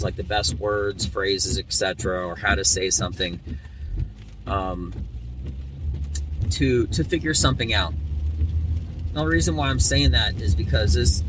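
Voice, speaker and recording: A man speaking in a casual, unscripted podcast monologue, halting as he thinks aloud while driving through rain. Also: fairly low pitch. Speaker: podcast host, comedian. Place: inside a car, driving in rain. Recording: noisy car, distant mic, rain. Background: rain and car noise.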